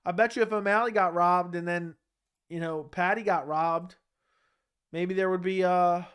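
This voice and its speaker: On a casual livestream, a man with a fairly high-pitched voice nurses a sore throat while reading viewers' questions aloud from chat. He answers bluntly, often with a flat single word, at a moderate pace in a clear, resonant tone.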